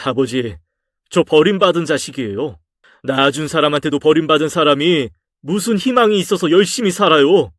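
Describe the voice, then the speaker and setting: Man voicing a hopeless young son, talks back, raised voice, higher pitch. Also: animated, brisk, no room sound, studio quality. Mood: defiant. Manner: sulky and pleading, voice raised. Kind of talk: audio drama story reading.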